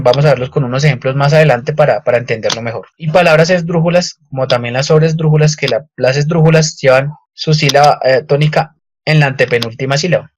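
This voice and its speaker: A man with a Colombian accent teaching a grammar lesson, explaining patiently and often repeating words with fillers. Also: mid-range voice. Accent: Colombian Spanish. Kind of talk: online lecture with slides.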